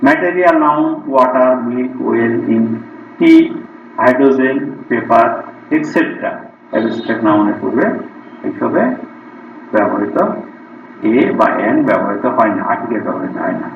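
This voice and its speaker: Bengali-accented man teaching grammar, distant and roomy. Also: mid-range voice. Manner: reads word lists, slows right down for English sentences. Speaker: school English teacher. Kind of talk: classroom grammar lesson. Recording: distant, roomy, dull lo-fi recording.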